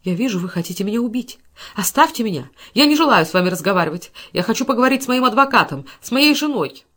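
A woman's voice: mid-range voice, expressive, brisk, lightly acted. A woman voicing a hot-tempered, cowardly male violinist who blusters and threatens melodramatically. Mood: panicked. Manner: shouting, melodramatic.

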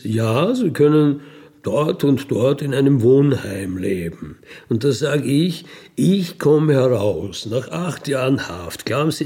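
In a radio feature, a former burglar shares his own life story in a relaxed, colloquial, unapologetic, matter-of-fact way. He's a middle-aged man with an Austrian accent and a medium-pitched, gravelly, slightly mellow voice.

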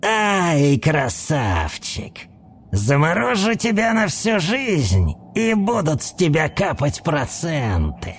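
A sinister lemur with a dry, creaky voice and a cold, imperious manner, as a male storyteller puts him on. He sits a little higher than the teller's own voice and stays hushed and threatening, like a storybook villain. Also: wildly swooping pitch, slow pace, slight background noise, full character voice. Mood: menacing. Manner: menacing, imperious.

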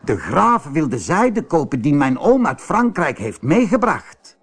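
A man's voice: a little high, sing-song, measured pace, slightly rough, pitched above the performer's own voice, heavily acted. A man doing a cheeky mischievous boy. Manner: brash, teasing. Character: cheeky mischievous village boy, cocky and playful.

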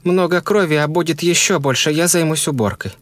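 A man putting on a scared, pushy young wife in a spoken horror story, voice pitched way up and tight, talking in tense breathless bursts while the sound stays close and dry with no room around it. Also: a little fast, no echo, lightly acted. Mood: urgent. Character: frightened, insistent young wife.

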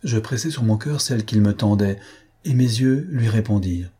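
Man reading an old novel out loud, mellow low voice, steady storytelling. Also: normal speed, breathy edge. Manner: even, literary storytelling. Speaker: audiobook narrator. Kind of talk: reading a classic novel aloud.

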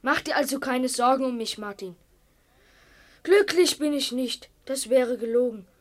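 In a radio play, a performer with a high-sitting voice plays a stoic, lonely schoolboy, speaking at a measured pace. The delivery is thoughtful and matter-of-fact, with a calm, resigned mood.

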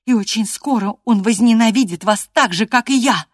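A woman reading aloud, voicing a bold, stubborn young woman who shouts high and loud. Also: fairly even intonation, a little fast, no echo, clean studio sound. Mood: defiant.

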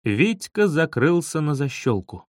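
A man narrating a humorous children's story in an expressive storytelling manner. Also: on the high side, measured pace, dry recording, studio quality. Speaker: audiobook narrator.

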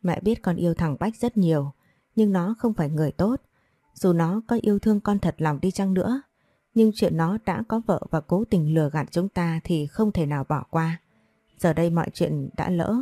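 A woman narrating as a protective middle-aged mother from a storybook, scolding her grown daughter in a low, warm voice. She sounds earnest and stern, close to the mic in a dry, dead room. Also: normal speed, no echo, lightly acted. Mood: consoling.

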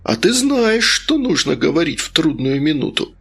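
A man's voice: a little high, sing-song, moderate pace, vocal fry, a bit bright, breathy edge, pitched above the performer's own voice, exaggerated voice. Man doing a stern, menacing sorcerer. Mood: stern, persuasive. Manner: stern, coaxing, harsh barks. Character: stern menacing male sorcerer, cruel, persuasive.

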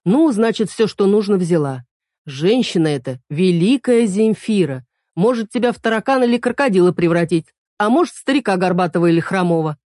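A bossy, sharp-tongued witch-healer who scolds and mocks, with a dark, mellow tone, as a woman reader puts her on. The sound is dry and close. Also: medium pitch, lively intonation, fairly quick, no echo, lightly acted. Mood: mocking. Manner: scolding, teasing, mocking.

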